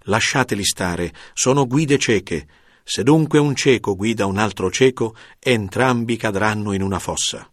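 Man voicing Jesus as a calm teacher, low-pitched, solemn measured scripture reading, dry close sound. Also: no echo.

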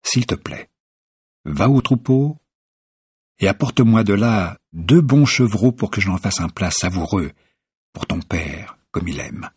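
A man's voice: fairly low pitch, animated, unhurried, darkish tone, breathy edge, no echo, studio quality, full character voice. A man voicing a scheming mother who insistently urges her son.

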